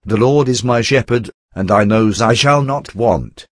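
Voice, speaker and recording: A man's voice: mid-range voice, a little slow, no echo, clean studio sound, lightly acted. A man reading as a cheerful, trusting working woman. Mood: firm.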